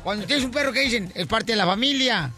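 A man with a very high voice hosts a radio comedy segment, teasing his crew and laughing along. Music plays clearly beneath him throughout. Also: lively intonation, pushed and bright. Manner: playful, teasing, quick to laugh. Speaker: radio show host. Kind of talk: joke-telling radio banter. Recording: music bed under the talk.

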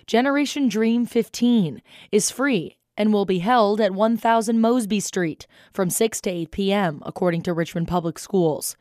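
A woman's voice: mid-range voice, normal speed, few pauses, darkish tone, no echo, studio quality. A woman anchoring a radio newscast, reading scripted local news items.

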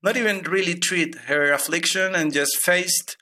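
A Venezuelan man in his thirties tells his money story as a guest in a personal finance interview, hesitating with many repeated starts. His voice is high-pitched and sharp in tone, at a moderate pace.

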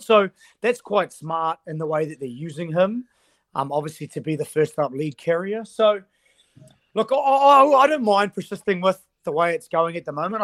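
A man's voice: a little high, fairly bright tone, no room sound. A man, a rugby coach giving analysis as an interview guest.

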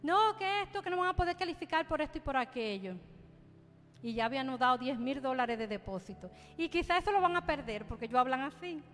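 A woman's voice: high-pitched, fairly quick, a bit bright, long reverb tail, soft background music. A woman giving a fervent testimony in church, preaching to the congregation and repeating phrases for emphasis. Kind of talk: sermon testimony.

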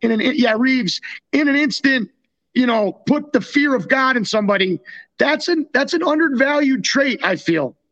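This very high, expressive voice moves at a moderate pace and is a bit bright, though its highs are cut off. It belongs to a young North American former hockey player co-hosting a podcast, chatting casually about sports and restarting his sentences often.

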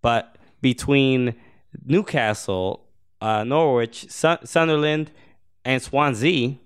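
A man's voice: mid-range voice, takes it slowly, clear, resonant tone, dry recording, studio quality. A man co-hosting a podcast with casual sports talk, agreeable and easygoing. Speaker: podcast co-host.

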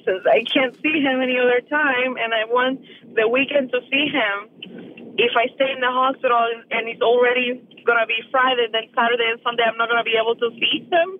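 A woman talking over the phone about family worries, anxious and rambling, often halting mid-sentence. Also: on the high side, steady tone. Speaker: interviewee, family member. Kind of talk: emotional phone conversation. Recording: tinny phone line.

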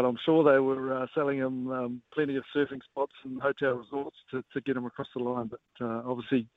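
A man giving casual, measured sports analysis as a guest coach, often pausing with filler phrases. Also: mid-range voice, dry recording. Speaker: rugby coach as guest pundit. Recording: narrowband phone-like line.

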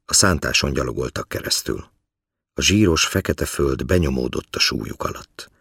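A man narrating a story in an extremely deep, gravelly voice. His reading is calm and measured, a little husky, and the recording is close and dry with no room sound. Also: no echo.

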